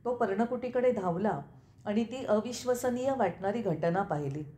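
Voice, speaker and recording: A woman narrating a scripture story in a steady, measured reading voice. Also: mid-range voice. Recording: echoey room with faint ambience.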